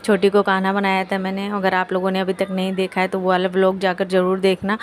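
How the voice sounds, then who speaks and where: A woman narrating her daily routine at home for a family vlog, speaking softly so as not to wake a sleeping child. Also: medium pitch, completely flat delivery, fast talker, slight background noise. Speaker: vlogger. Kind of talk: casual vlog voice-over.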